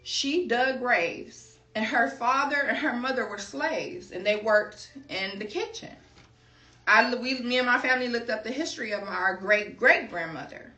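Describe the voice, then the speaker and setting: A Chicago woman with a mid-range, sharp-toned voice gives a casual tarot reading, chatting away, drifting into personal stories and calling her viewers y'all. The room is echoey and she sits a bit far from the mic.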